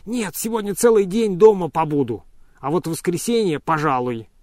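Man voicing a grumbling old manservant, stubborn, lazy, raised pitch, dry storybook read. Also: expressive, moderate pace, a little mellow, no echo. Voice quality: grumbling, sluggish.

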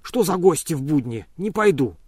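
A man's voice: a little high, lively intonation, moderate pace, no room sound, voice pushed up, close to an everyday voice. Stubborn, lazy old male servant, grumbling, read by a man, dry close voice. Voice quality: grumbling, sluggish.

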